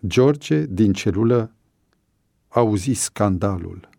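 A man narrating an audiobook story in a measured, even storytelling voice. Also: lowish voice, gravelly, no echo, studio quality.

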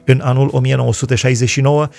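A man reading Bible passages aloud and explaining them in a measured way, citing chapter and verse. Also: medium pitch, flat delivery, creaky, darkish tone, faint music behind. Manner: measured reading with scripture references. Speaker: Bible teacher.

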